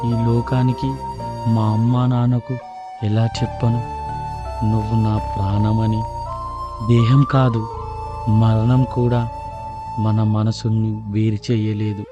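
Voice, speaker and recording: A man voicing a lovelorn young man's inner thoughts, speaking softly and solemnly. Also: lowish voice, flat delivery. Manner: soft, solemn, slow. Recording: dull lo-fi with loud music.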